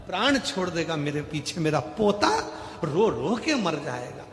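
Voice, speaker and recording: A man voicing a fussy, stingy old merchant who protests loudly. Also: fairly high pitch, big pitch swings, a little slow, full character voice. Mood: pleading. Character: rich old merchant, anxious then stingy. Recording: echoey hall, faint music.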